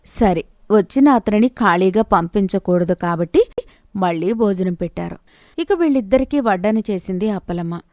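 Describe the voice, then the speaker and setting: In a clean studio recording without echo, a woman tells a scripted moral story in storybook fashion. Her mid-range voice has a darkish tone and lively intonation, and she speaks at a normal speed.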